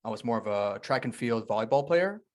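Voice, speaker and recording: A man with an American accent who co-hosts a casual podcast and tells stories in a relaxed way. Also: medium pitch, a little fast. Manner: relaxed storytelling with fillers. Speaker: podcast co-host.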